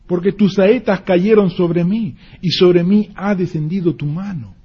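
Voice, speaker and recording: A man preaching a sermon to his congregation, animated, acting out parents and children in quick asides. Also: high voice, slightly rough, highs cut off.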